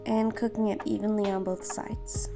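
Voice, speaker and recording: A woman's voice: mid-range voice, little pitch movement, normal speed, gravelly. A woman with a slightly scratchy, off-sounding throat gives a casual, chatty cooking voice-over, explaining each step without hurry. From Portugal. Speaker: home cook hosting a recipe vlog. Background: background music.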